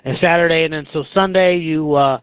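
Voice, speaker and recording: A man conducting a casual interview, asking halting, hesitant questions with many pauses. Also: fairly high pitch, fairly even intonation, clean tone. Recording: tinny phone-like band, roomy echo.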